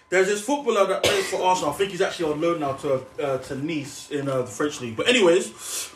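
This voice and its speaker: High-voiced London roadman, animated and echoey. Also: moderate pace. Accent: London, multicultural street slang. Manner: animated, slangy, repetitive stumbling delivery. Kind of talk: casual banter storytelling. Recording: echoey room, distant mic, noisy.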